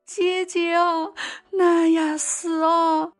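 A woman voicing Mary, a grieving younger sister who speaks in a high, drawn-out, tearful way. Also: level tone, soft background music, full character voice.

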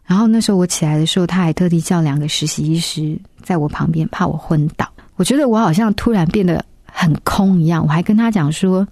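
A woman tells her own story softly and reflectively. Her voice sits fairly low and sounds mellow and warm. It is recorded close and dry, with no room sound. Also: fast talker, hardly any pauses, no room sound. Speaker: interview guest. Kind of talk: personal testimony.

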